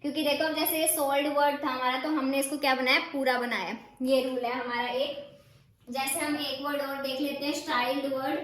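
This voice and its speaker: A woman's voice: high voice, a bit bright. A woman steno teacher explaining shorthand rules casually, often asking rhetorical questions before answering them. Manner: repeats rhetorical questions to students. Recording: echoey room.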